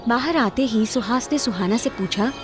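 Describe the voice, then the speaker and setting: A woman telling a moral story in a steady, scripted narration. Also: on the high side, normal speed. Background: background music.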